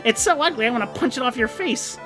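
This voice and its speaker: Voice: medium pitch, expressive, fast talker, music in the background, voice pushed up, close to an everyday voice. Someone putting on a nasal tough-guy puppet, rude and petulant. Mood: cocky. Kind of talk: hammy video game character voice acting.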